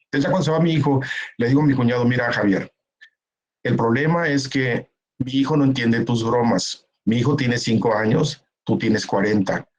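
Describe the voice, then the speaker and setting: A man speaks at a mid pitch, earnest and explanatory. He gives a keynote talk and now and then acts out what parents and relatives say in quick asides. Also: poor audio. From Mexico. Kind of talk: conference talk, answering a question.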